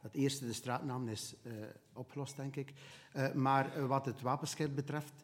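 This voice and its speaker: A man with a Flemish accent, asking questions as a council member in a hesitant way, with many pauses. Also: mid-range voice, steady tone, a little hiss or hum.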